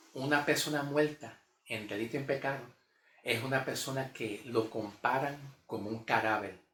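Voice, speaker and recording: A man's voice: medium pitch, fairly bright tone, a little hiss or hum. A man teaching the Bible in a sermon style, repeating phrases emphatically and often checking in with "ok?". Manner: repetitive, emphatic, asks "¿ok?" often. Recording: echoey room with faint music.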